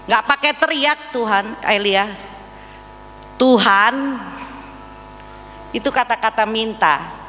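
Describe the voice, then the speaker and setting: Bright-voiced woman preaching in a hall. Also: on the high side, slow, long pauses. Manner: lively preaching, acts out voices and asks the congregation. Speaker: pastor. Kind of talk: sermon. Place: church hall. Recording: reverberant church hall with faint hum.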